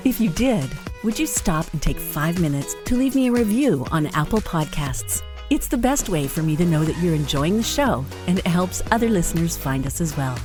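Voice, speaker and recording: Low-voiced woman podcast host. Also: very animated, moderate pace, hardly any pauses, over music. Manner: warm, affirming, frequent small laughs. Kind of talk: podcast interview and outro.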